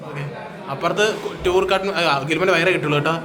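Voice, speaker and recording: A young man with a high, light voice films his friends on a road trip, chatty and teasing as he calls out each of them to the camera. A crowd of voices chatters around him the whole time. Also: steady tone, fast talker. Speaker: vlogger. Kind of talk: casual travel vlog with friends. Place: among a group on a road trip, by a bus. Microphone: handheld camera. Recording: busy group chatter around.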